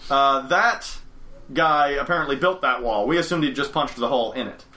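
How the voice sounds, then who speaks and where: Young man, bright forceful voice, rambling podcast storyteller, self-correcting. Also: medium pitch, normal speed. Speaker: game store owner, podcast storyteller. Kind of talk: casual podcast chat. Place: studio.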